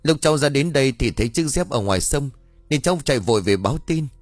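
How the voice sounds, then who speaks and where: A man's voice: medium pitch, lively intonation, fast, no room sound, soft background music, voice pushed up, close to an everyday voice. A man voicing a frightened teenage girl, an anxious older sister who calls and pleads through tears, in a spoken ghost story. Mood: tearful pleading. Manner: pleading, tearful calling.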